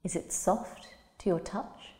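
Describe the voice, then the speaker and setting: A woman leads a guided relaxation in a soft, soothing voice, taking her time over every phrase. Her tone is warm and mellow, and the sound carries a long, roomy reverb as if in a large hall. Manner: slow, soothing, soft-spoken delivery. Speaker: meditation guide.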